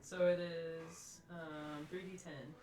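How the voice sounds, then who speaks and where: A woman's voice: low-pitched, flat delivery, slow, far from the mic, noisy background. A woman playing a tabletop game, matter-of-fact as she calls out her rolls and spells. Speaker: player. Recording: roomy, off-mic, music behind.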